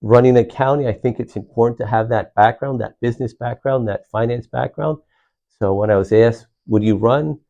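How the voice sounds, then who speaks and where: The Puerto Rican county commissioner, middle-aged, has a gravelly, dark, medium-pitched voice and speaks at normal speed. He answers interview questions earnestly, often repeating words and restarting with "uh," and the audio sounds dull.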